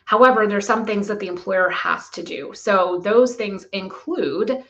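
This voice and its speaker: A woman immigration lawyer giving a measured, methodical explanation to camera. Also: medium pitch, fairly bright tone, poor audio.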